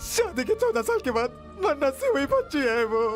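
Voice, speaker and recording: A man's voice: very high voice, big pitch swings, normal speed, faint music behind, exaggerated voice. An actor voicing a desperate man who frantically pleads and begs for a child's life, in a dubbed film. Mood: desperate pleading. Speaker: desperate father begging for his child. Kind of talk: Hindi film dub acting.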